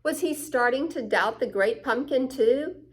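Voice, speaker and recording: High-pitched and measured, a woman reads a children's picture book with lots of expression. Her delivery shifts dramatically between whispery hush and excitement, with the occasional aside to the kids listening.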